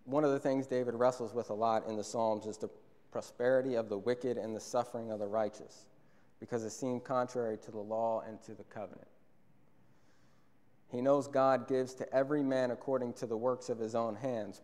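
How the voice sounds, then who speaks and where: Earnest young preacher in a reverberant church. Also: male voice, fairly low pitch, darkish tone. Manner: earnest, repeats key phrases for emphasis. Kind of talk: sermon. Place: church sanctuary, at a pulpit. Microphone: pulpit microphone on a stand. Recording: long church hall reverb.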